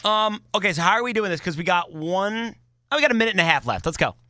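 This is a man hosting a casual trivia podcast, talkative and playful as he runs the game. His voice is bright and his pitch swings freely. He sounds close and dry, with a little music in the background. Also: expressive, fast, no echo. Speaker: podcast host. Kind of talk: casual game-show banter.

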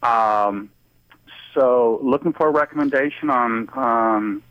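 A man's voice: mid-range voice, slow, fairly bright tone, no echo. Polite guy calling in on the phone, mid voice, dry muffled line. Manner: polite, carefully describing with ums. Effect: over the phone. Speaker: radio call-in caller. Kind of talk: casual chat.

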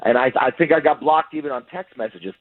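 A man calling into a radio show over a phone line, telling his story in a rambling, halting way. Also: a little high. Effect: heard over a phone line.

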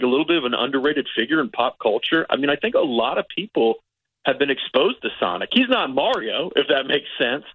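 Husky and fairly high-pitched, a middle-aged man's voice comes through phone-quality audio with no echo. Acting as a radio film critic, he chats about movies in a loose, rambling way and keeps repeating himself for emphasis.

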